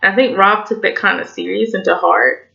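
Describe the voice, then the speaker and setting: Southern girl in her 20s, kinda tipsy and rambly, cussing, fry in her voice, dull audio. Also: medium pitch, steady tone, moderate pace, bright, forceful tone. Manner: rambling, swearing, many "like" fillers. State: tipsy, slightly slurring. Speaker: TV review vlogger. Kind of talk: casual chat.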